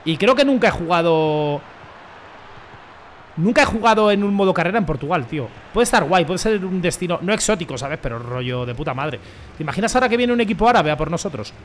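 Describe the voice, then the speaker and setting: A young man with a Spain Spanish accent, commentating his own football game casually, excitable and slangy, shouting when he scores. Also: sits high, quick pace, slight background noise. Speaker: gaming YouTuber.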